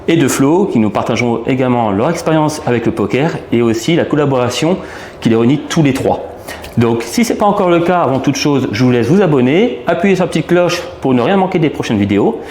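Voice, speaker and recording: A man's voice: mid-range voice, a little mellow. A man hosting his channel, introducing the video and interviewing a guest in a friendly, conversational way. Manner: friendly, conversational, quick prompts. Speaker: YouTube host, interviewer. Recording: echoey room, faint background noise.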